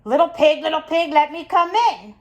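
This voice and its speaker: A woman's voice: high-pitched, normal speed, lo-fi sound, voice pushed up. A woman voicing a sly, hungry male wolf in a read-aloud storybook, with a wheedling sing-song manner. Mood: coaxing.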